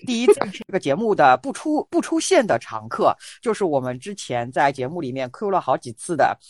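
A woman's voice: low-pitched, sing-song, brisk, darkish tone. A woman hosting a casual talk show among a group, explaining and introducing things conversationally. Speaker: podcast host.

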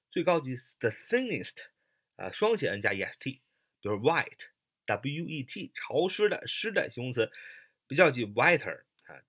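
Male English teacher, bright husky tone, lively delivery, spells out words and hesitates often. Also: medium pitch. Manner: spells words letter by letter, many fillers. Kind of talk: explaining grammar lesson.

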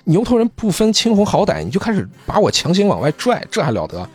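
A man's voice: sits high, wildly swooping pitch, fast talker. A man hosting a podcast, casually retelling a manga story and briefly voicing the characters, with faint music behind.

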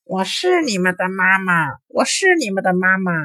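A man voicing a sly big grey wolf who pinches his nose to fake a mother's high voice in a storybook reading. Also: very animated, normal speed, sharp tone, no room sound, heavily acted. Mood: coaxing. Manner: high sing-song falsetto, yelping in pain. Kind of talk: children's story read aloud.

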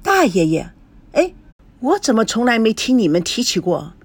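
A woman's voice: on the high side, sing-song, moderate pace, darkish tone, slightly rough, no room sound, exaggerated voice. A woman reading an audiobook, voicing a young grandson who dodges and reassures. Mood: curious. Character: young man, grandson, evasive and warm.

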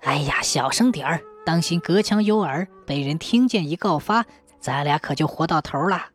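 A woman's voice: low-pitched, lively intonation, moderate pace, faint music behind, pitched below the performer's own voice. A woman voicing a worn-out old peasant wife in her sixties, complaining and anxious. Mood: anxious hush.

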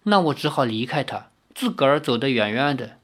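A reader voicing a fragile young woman who speaks in a hesitant, soft, pleading way. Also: medium pitch, very animated, measured pace, pitched above the performer's own voice.

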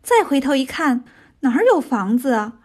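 Storyteller, woman, high voice, lively and expressive children's narration. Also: moderate pace, husky.

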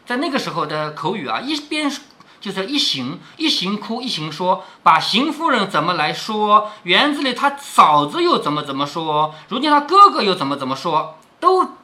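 A man's voice: high-pitched, big pitch swings, moderate pace, sharp tone. A man explaining a classic novel to his daughter, retelling the story and stopping often to ask rhetorical questions and explain old words.

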